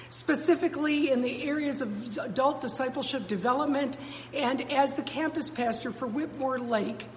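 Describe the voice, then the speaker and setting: A woman pastor giving a sermon in a measured, formal way, her voice ringing with the cathedral-like echo of a church sanctuary. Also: sits high, slight background noise. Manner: measured, formal pulpit delivery. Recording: long reverb from a large sanctuary.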